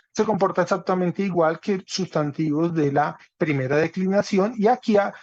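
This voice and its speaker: A man with a somewhat high voice teaches a class online. He is patient and keeps checking that his students follow. The call audio is dry and a little muffled. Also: darkish tone, no room sound. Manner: patient, checks understanding with "¿cierto?". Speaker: Greek teacher. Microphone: video call.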